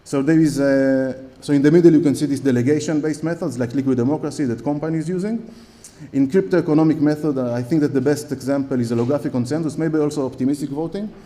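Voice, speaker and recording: A fast-talking man with an Israeli accent and a warm voice on the high side gives a conference talk from a lectern. His speech is hesitant, thick with fillers and restarts, and the talk invites audience questions. He is on stage in a large conference hall, recorded with long hall reverb.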